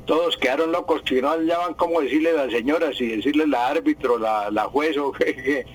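Husky language professor on radio. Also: male voice, a little high, brisk, poor audio. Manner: didactic, corrects usage, repeats words for emphasis. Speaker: language expert guest. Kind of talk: radio call-in explanation.

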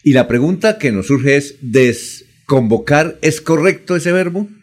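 A man, hosting a radio show and putting listener questions to a guest in a relaxed, conversational way. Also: fairly high pitch, a little slow. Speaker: radio host.

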